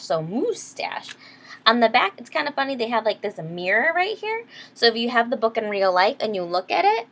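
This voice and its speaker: Reading a picture book aloud to young children, a teacher explains things simply and checks in with questions. Her voice sits in the mid-range and is a bit bright.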